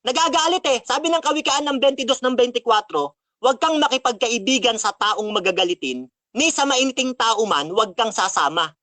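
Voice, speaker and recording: A man's voice: very high voice, lively intonation, brisk, sharp tone, no echo. A man giving a mocking debate rebuttal, taunting his opponent and quoting scripture verse after verse. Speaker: religious debater.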